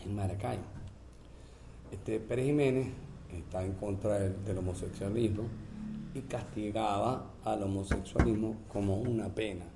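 A man with a Venezuelan accent, chatting casually as a guest, telling animated stories and mimicking regional accents. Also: on the low side, moderate pace, vocal fry. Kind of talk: casual chat. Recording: echoey room with faint noise.

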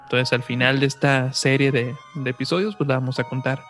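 A Mexican-accented man hosts a podcast with music behind him, mixing casual talk with reading aloud and correcting himself informally. He has a medium pitch, fairly even intonation, and a somewhat bright tone, and he speaks fairly quickly.

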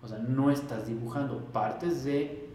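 A man's voice: medium pitch, measured pace. A Mexican man telling a story in a casual interview, acting out past conversations in a livelier voice. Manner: animated, acts out past dialogue in raised voice. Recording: very echoey room, faint noise.

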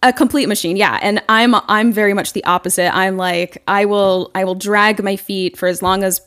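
A woman consultant talking in a relaxed podcast interview. She is candid and chatty, with lots of "like" and quick restarts. Her voice sits at an ordinary middle pitch. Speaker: marketing consultant and business owner.

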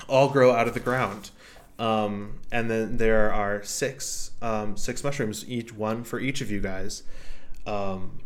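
A man improvising narration as game master of a tabletop game, hesitantly searching for his words. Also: on the low side.

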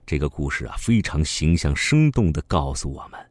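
A man telling a story to children in an animated, sing-song way, drawing out his words. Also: a bass voice, moderate pace, dry recording.

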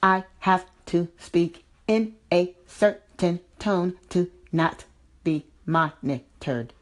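A woman voicing a female robot from a faraway planet who speaks in a measured, deliberate tone. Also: on the low side.

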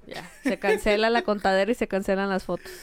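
A woman's voice: mid-range voice, fairly quick. A woman with a Mexican accent, co-hosting a podcast in casual chat, telling childhood stories and acting out quotes. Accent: Mexican Spanish. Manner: animated storyteller, acts out quotes. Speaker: podcast co-host.

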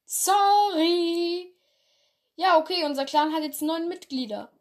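Slow and very high-pitched, this woman's voice comes from her bedroom, where she chats casually as the host of a fan clan roleplay channel. She's giggly and rambling, laughing off her own errors.

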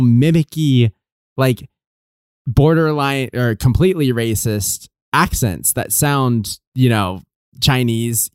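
A man co-hosting a casual film review podcast, talking in an animated, sarcastic way and laughing often. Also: medium pitch, no room sound, studio quality. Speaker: podcast co-host.

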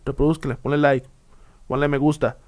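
A man's voice: on the high side, flat delivery, fairly quick, lo-fi sound. A man with a Mexican accent hosting a casual podcast, bantering in profane, joking slang. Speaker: podcast host.

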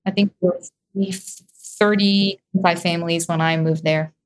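A young woman speaks as a guest on an interview show. Her voice sits fairly low, and she talks casually, with many fillers and self-corrections. She joins over a video call. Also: fairly even intonation, moderate pace, a little hiss or hum. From Israel. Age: young adult. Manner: many fillers and restarts, varied pace. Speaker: real estate investor and guest.

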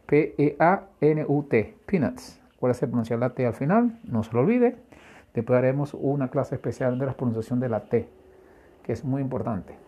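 A man's voice: medium pitch, lively intonation, normal speed, mellow, highs cut off. A man teaching an English pronunciation lesson, patiently repeating and spelling out each word. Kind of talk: language lesson.

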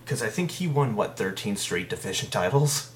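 Deep-voiced joking man, faint background noise. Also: animated, moderate pace. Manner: jokey, laughs often. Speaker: podcast co-host. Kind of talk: casual chat.

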